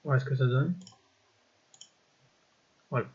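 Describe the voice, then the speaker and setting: Husky-voiced man walking through code. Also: medium pitch. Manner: thinks aloud, peppered with "voilà" and "hop"; self-correcting, halting phrasing. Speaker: coding tutorial instructor. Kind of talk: casual screen-recorded coding walkthrough. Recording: dull lo-fi voice-over recording.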